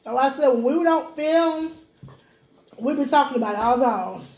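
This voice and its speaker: A woman's voice: sits high, lively intonation, normal speed, a little mellow, echoey room. A woman hosting a mukbang, chatting straight to her viewers while eating, talking with her mouth partly full. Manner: chatty, addresses viewers directly. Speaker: mukbang host.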